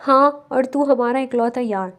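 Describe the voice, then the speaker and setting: A woman's voice: sits high, fairly bright tone. Stubborn, mocking young man, read by a woman in a romance audiobook. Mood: teasing.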